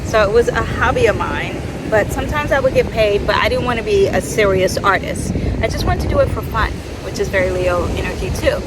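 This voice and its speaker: A woman in her forties from Los Angeles, chatting casually as an astrology vlogger in a rambling way, her voice jumping up when she gets excited. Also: a little fast, few pauses. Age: 40s. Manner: chatty, rambling, with sudden excited jumps in pitch. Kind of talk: casual chat. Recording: loud wind noise outdoors.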